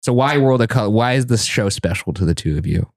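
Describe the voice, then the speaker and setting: A man's voice: lowish voice, expressive, fast, darkish tone. A man hosting a podcast, chatting casually with jokey, self-mocking asides. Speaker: podcast host. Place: indoor podcast studio.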